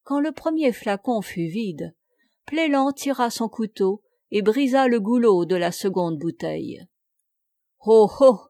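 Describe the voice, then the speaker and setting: A woman narrates an old tale in a measured, even reading voice. Her pace is slow and deliberate, her pitch sits mid-range, and the recording is close and dry. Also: dry recording. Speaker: audiobook narrator. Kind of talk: scripted storybook narration.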